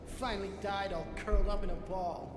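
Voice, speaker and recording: A man's voice: high-pitched, steady tone, moderate pace, lightly acted. An actor playing a menacing, unhinged young man in a video game, taunting and gloating with gleeful threats. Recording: echoey hall with loud game music.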